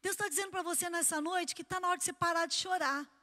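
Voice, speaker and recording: A woman pastor preaching a sermon in a church, impassioned, swinging between loud cries and soft, low passages. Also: steady tone, fast.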